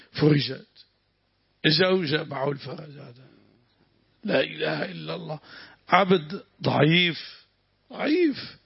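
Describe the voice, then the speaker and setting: Man, sheikh, Damascene accent, gravelly raspy voice, storytelling lesson, dull lo-fi dry recording. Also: fairly high pitch, no room sound. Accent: Damascene Arabic. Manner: storytelling, exclaiming pious phrases. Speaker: sheikh teaching Quran commentary. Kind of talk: lesson with anecdotes.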